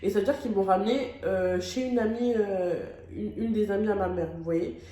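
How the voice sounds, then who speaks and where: A young woman vlogger recounts her story with raw, dramatic emotion and loose, slangy phrasing. Her voice sits at an ordinary middle pitch. The sound bounces around an echoey room. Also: normal speed, mellow. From France. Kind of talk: storytime vlog.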